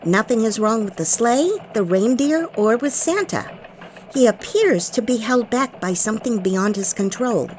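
A woman playing a lively elf news anchor. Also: fairly high pitch, normal speed, slight background noise, lightly acted, rough recording. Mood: poised, formal. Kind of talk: mock radio newscast.

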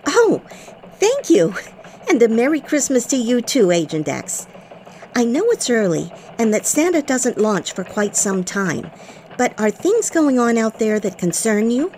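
A chirpy elf newsreader, played by a woman, with a high voice that swoops lively up and down. She reads in a polished radio style over a faint hiss of noise. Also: a little slow. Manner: bright, chirpy newsreader delivery. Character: cheerful female elf news reporter. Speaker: radio news reporter. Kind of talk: scripted radio news.

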